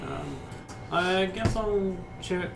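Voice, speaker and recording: A man's voice: sits high, very slow, vocal fry. A man playing a tabletop game, stating his actions tentatively and with hesitations. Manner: tentative, hedging with "uh" and "I guess". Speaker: player. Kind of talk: casual tabletop game play. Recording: roomy mic with background music.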